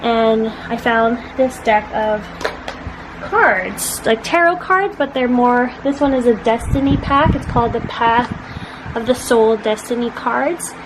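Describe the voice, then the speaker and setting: A woman's voice: fairly high pitch, a little slow. A young Canadian woman vlogging in a casual, rambling way with lots of fillers. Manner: chatty, rambling with many fillers. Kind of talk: casual vlog chat. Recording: noisy background.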